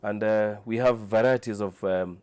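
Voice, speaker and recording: A Kenyan man with a fairly low voice speaks as an interview guest. His delivery is informal and hesitant, feeling his way through answers in halting phrases. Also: steady tone, darkish tone, clear, resonant tone. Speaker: interview guest, car audio dealer.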